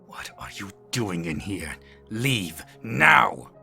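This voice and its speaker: A man voicing a hostile, sinister old male priest in a horror story reading, speaking slowly and menacingly. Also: deep voice, a bit bright, soft background music.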